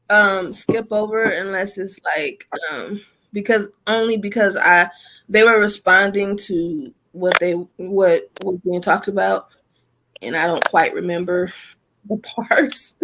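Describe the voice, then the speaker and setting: A woman's voice: mid-range voice, low-quality recording. A woman from Los Angeles hosting a casual panel chat, laughing often and keeping a playful, easygoing tone. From Los Angeles, California. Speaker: host.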